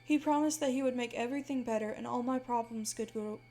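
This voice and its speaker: A guilty wife in a horror story, sobbing through her confession, as a woman narrator gives her voice. Her tearful voice sits fairly high, with faint music underneath. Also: quick pace, warm tone. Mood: tearful remorse. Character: remorseful sobbing young wife.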